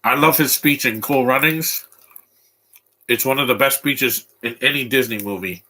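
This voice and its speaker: Watching a film at home, a man gives casual live commentary, rambling and restarting his sentences over and over in stop-start fashion. His voice is medium-pitched and sharp at a normal speed, captured on a low-quality recording.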